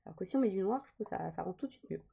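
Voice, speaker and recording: A woman's voice: medium pitch, animated, racing, creaky, warm tone, breathy edge. A woman in her thirties chatting casually as a coloring vlogger, rambling with many fillers and restarts. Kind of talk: casual chat. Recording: dull lo-fi sound.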